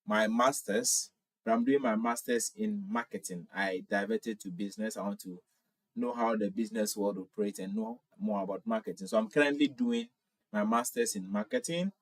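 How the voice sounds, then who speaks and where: In a low-quality recording with no echo, a young Ghanaian-accented man in his twenties speaks in a lowish voice. He's hosting a relaxed livestream, reading out viewer comments and replying in a friendly way, frequently saying things more than once.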